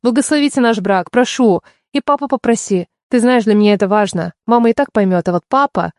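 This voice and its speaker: A male audiobook reader voicing a quick-tongued, stubborn young bride who fires back defiant retorts. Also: sits high, no echo, studio quality, voice pushed up. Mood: pleading.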